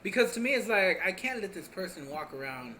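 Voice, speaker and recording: A man's voice: high voice, a little fast, slight background noise. A young man hosting a casual podcast chat, laughing often and tripping over his words. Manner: animated, laughs often, stammering restarts. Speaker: podcast host.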